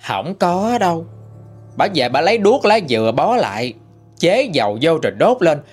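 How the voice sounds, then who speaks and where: A man with a Southern Vietnamese accent telling a ghost story in a lively, chatty way with dramatic rises. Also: a little high, brisk. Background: faint music.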